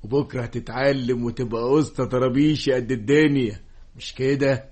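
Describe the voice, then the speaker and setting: A man's voice: mid-range voice, fairly even intonation, brisk, a little mellow, close to an everyday voice. An actor playing a genial middle-aged master craftsman with an Egyptian accent in a radio drama. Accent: Egyptian Arabic. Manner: genial, hearty greetings.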